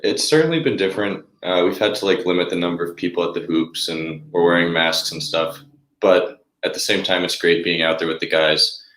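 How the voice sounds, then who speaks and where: College athlete guy in his 20s, calm interview answers, super deep voice, echoey room. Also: brisk. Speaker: guest athlete.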